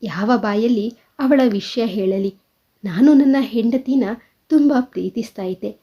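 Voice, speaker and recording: A woman's voice: a little high, warm tone, slightly rough. A woman voicing an elderly father who talks in a sorrowful, confessional way, in a dull lo-fi recording. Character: elderly father, grieving and tearful.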